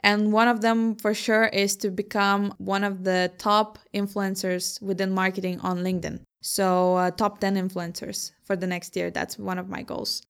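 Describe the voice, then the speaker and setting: Speaking smoothly and with a flat delivery, a young woman from Lithuania discusses her entrepreneurial work during an interview. She's thoughtful and measured, quick to laugh, and her pitch sits in the middle range for a woman.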